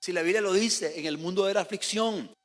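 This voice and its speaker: Pastor guy preaching in a church, pretty high voice, long hall echo, keeps asking the church questions. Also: brisk. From Costa Rica. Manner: addresses the congregation directly with questions and calls to repeat. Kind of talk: sermon. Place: church sanctuary.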